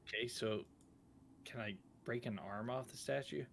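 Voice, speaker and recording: A man's voice: mid-range voice, normal speed. A man chatting casually as a player in a tabletop role-playing game. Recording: clearly noisy background with clicking.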